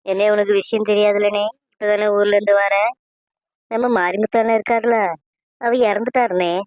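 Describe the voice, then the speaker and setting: A woman's voice: mid-range voice, level tone, moderate pace, darkish tone, no echo, dull audio, close to an everyday voice. A woman voicing a chatty gossip. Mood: gossipy. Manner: gossipy, worried. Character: chatty young village woman. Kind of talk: cartoon voice acting.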